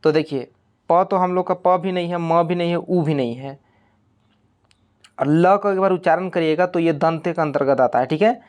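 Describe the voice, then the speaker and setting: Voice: medium pitch, moderate pace, a little mellow. Patient teacher. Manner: patient, repetitive, step-by-step explaining with frequent check-ins. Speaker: exam-prep teacher. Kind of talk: recorded online exam-prep lesson.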